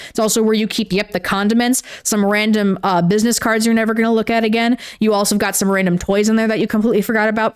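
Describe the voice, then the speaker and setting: A woman's voice: mid-range voice, clear, resonant tone. A young woman, giving a casual vlog commentary in a ranting, sarcastic way and swearing freely. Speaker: YouTuber.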